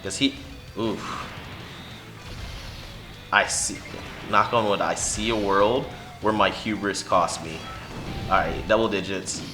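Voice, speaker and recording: With music underneath, a man with a fairly low voice talks through his mobile game run at a slow pace, pausing often and keeping a steady tone. As a gaming channel host, he chats casually to himself and his viewers, mumbling along and getting loud at big hits.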